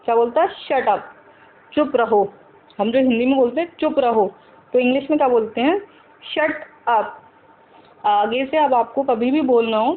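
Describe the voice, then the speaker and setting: Woman, English lesson, slow and repetitive, keeps quizzing viewers, tinny phone-like sound, faint hiss. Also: fairly high pitch. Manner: slow, repeats example sentences several times; keeps asking the viewers questions. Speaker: English teacher. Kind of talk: spoken English lesson for Hindi speakers.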